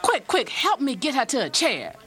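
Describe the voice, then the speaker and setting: A woman's voice: high voice, huge pitch swings, normal speed, fairly bright tone, full character voice. A woman playing an earnest, concerned friend in a radio comedy sketch. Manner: earnest, urging.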